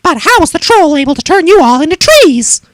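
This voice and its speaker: A high, earnest young boy. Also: sing-song, brisk, fairly bright tone, no room sound, clean studio sound, full character voice. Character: honest, polite young boy. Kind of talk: storybook read-aloud.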